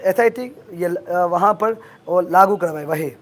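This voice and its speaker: A high-pitched man from Arunachal Pradesh speaks with a hoarse, worn throat. He presses his points earnestly, circling back and repeating his demands with insistence. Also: a little slow. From Arunachal Pradesh, India. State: hoarse from shouting. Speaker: activist guest. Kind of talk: impassioned interview answers.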